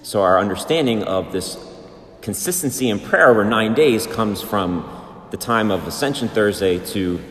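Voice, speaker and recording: Low-voiced priest in cathedral echo. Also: male voice, expressive, normal speed. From United States. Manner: chants the liturgical greetings. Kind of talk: sermon and liturgical reading. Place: large church, amplified in a reverberant space. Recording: cathedral echo, long church reverb.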